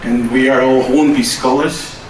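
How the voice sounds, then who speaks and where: A man who is a native Portuguese speaker gives a formal conference presentation, measured and pausing often with "uh". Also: medium pitch, steady tone. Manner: measured, with frequent hesitations. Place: conference hall. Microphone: distant from the recorder. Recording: roomy, distant hall recording with noise.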